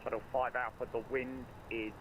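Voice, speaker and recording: A man's voice: medium pitch, flat delivery, moderate pace, a crowd in the background. A man working as an air traffic controller, reading out procedural instructions over the radio. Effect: radio transmission. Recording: noisy radio with engine drone behind.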